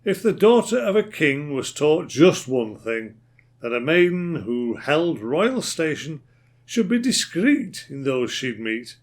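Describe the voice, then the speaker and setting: Slow, declaiming man reciting verse. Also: on the high side, big pitch swings.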